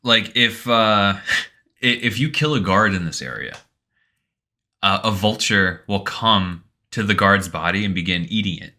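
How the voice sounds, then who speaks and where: A man's voice: on the low side, unhurried, sharp tone. A young man co-hosting a podcast, chatting casually and rambling, swearing now and then. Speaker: podcast co-host. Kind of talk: casual chat.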